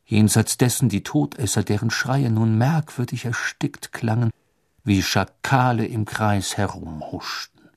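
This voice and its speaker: A man with a low voice reads a storybook aloud as narrator, expressive and dramatic. The sound is dry and close, with no room around it. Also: measured pace, no room sound. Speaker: audiobook narrator.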